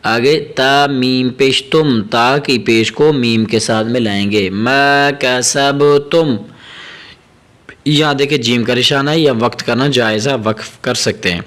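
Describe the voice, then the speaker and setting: A man teaching a tajweed lesson, spelling out letters and vowel marks, then chanting the syllables slowly and melodically between quick plain explanations. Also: mid-range voice, fairly bright tone. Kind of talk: step-by-step recitation lesson.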